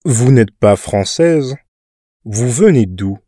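Actor as a friendly man in a park, slow, warm and mellow voice, dry studio sound. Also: medium pitch, expressive, husky, dry recording. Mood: polite. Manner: slow, polite questioning. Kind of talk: scripted language-lesson dialogue.

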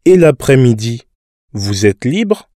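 Man playing a slow, polite park stranger. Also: mid-range voice, sing-song, warm tone, no echo, studio quality. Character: friendly man chatting in a park. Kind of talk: scripted language-lesson dialogue.

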